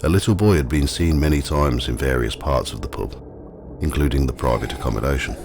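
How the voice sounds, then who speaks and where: A man narrating a scripted ghost walk as the guide, telling the stories in a measured, matter-of-fact way. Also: very deep voice. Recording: clearly noisy, ambient sound behind.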